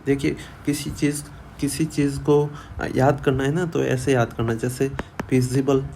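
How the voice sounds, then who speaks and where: A man's voice: medium pitch, little pitch movement, unhurried, vocal fry, a little mellow, slight background noise. A man teaching vocabulary for exams in Hindi, who repeats each word many times and asks and answers his own questions. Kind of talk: vocabulary lesson for exam students.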